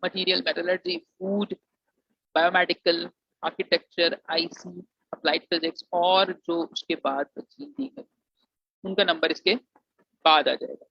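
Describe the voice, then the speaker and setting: A man's voice: high-pitched, fairly even intonation, a little slow, vocal fry, no room sound. Man, dry muffled sound. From Pakistan. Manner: mixes English phrases into Urdu, addresses students as "beta". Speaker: engineering alumnus giving admission advice. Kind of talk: informal explanatory lecture.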